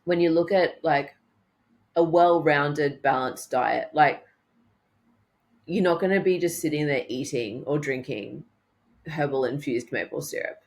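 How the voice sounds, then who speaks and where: Deep-voiced woman guest, a naturopath, loose conversational delivery with frequent fillers. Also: a little slow, pauses often. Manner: warm, rambling, lots of ums and affirmations. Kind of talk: casual interview chat.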